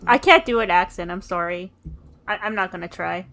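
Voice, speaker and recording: A woman streamer reacting to a game in casual, excitable, joking chat. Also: lowish voice, a little fast, soft background music.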